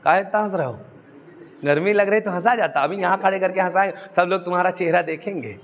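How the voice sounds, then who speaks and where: A man's voice: high voice, fairly quick, big-room sound, a little hiss or hum. A male teacher telling history as a story, asking the class questions and answering them himself. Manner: storytelling with call-and-response questions.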